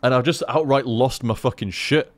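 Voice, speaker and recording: A man's voice: mid-range voice, normal speed, no echo. Profane rambling male game commentator. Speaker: gaming commentator. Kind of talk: casual gameplay commentary ramble.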